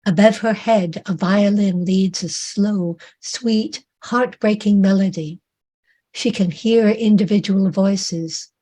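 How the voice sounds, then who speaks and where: A woman author reading her own dramatic story aloud in a measured, vivid way. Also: medium pitch, mellow.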